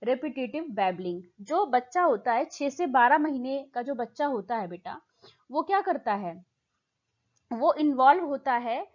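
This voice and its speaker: A woman teaching exam prep, affectionately addressing students and repeating each point, reading English questions out slowly. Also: high voice, lo-fi sound. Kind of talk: explaining lesson in Hindi mixed with English.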